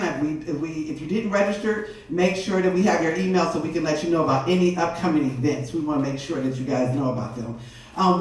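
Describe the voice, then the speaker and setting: An energetic man hosting a live seminar, out of breath and laughing often as he talks to the room. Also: high voice. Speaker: seminar host. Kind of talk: live seminar opening address. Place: event room with a live audience. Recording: echoey room from far off.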